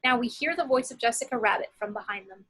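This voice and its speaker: She's the narrator voicing a script's action descriptions, her tone high-leaning, bright and forward-edged. She moves quickly, with lively intonation throughout.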